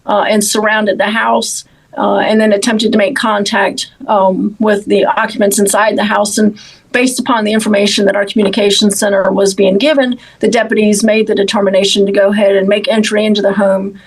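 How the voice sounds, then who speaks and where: Responding to interview questions about an investigation, a female law enforcement officer speaks haltingly and deliberately, with repeated words. Her mid-range voice is husky with little pitch movement, and the recording sounds rough.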